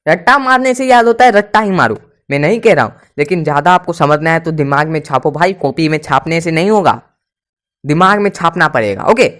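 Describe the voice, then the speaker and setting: A man's voice: fairly high pitch, expressive, brisk, fairly bright tone. A man teaching a pronunciation lesson, spelling each word out letter by letter and repeating it several times, often checking whether his students understand. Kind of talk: spoken English pronunciation lesson.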